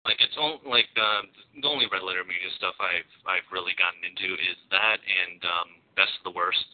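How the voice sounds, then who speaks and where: A man's voice: low-pitched, brisk. A man chatting on a podcast, rambling through stories with lots of fillers. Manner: rambling, filler-heavy retelling. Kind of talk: casual podcast chat. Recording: tinny phone-like lo-fi sound.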